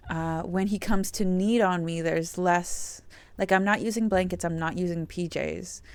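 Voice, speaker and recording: A young adult woman streaming a puzzle game, murmuring her thoughts aloud and cooing softly to her cat between moves. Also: lowish voice, steady tone, moderate pace, clear, resonant tone, no room sound. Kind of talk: casual gameplay chat.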